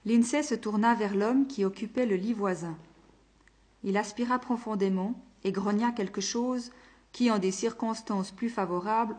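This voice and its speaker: A woman reading a story aloud at an even, measured pace. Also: medium pitch. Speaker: narrator.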